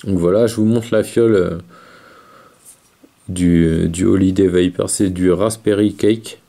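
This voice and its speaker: Speaking at a measured pace in a low, gravelly, warm voice with a steady tone, a man whose first language is French reviews videos in a casual chat to camera. He vapes as he talks, sounding hesitant and leaning on many fillers.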